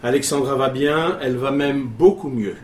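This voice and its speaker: A man's voice: medium pitch, normal speed, roomy sound, slight background noise, close to an everyday voice. An actor playing a man who teasingly builds suspense while breaking news to a group. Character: male investigator announcing news to a group.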